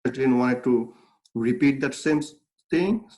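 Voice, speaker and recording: Speaking at a measured pace, the young man's medium-pitched voice has a darkish tone. A Bangladeshi guest who founded a clothing brand and speaks Bengali natively, he earnestly reflects on his life in an interview, full of fillers and false starts.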